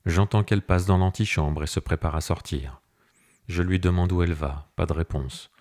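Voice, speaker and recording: A man narrating a classic novel aloud in measured, grave first-person reading. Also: sits low, steady tone, a little mellow. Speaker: audiobook narrator. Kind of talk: scripted literary narration.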